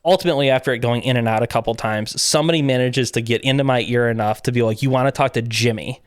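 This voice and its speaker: On a podcast, a male guest tells lively stories about events in a casual chat, acting out quoted exchanges and laughing along the way. His mid-range voice is smooth and fast, recorded dry with studio quality.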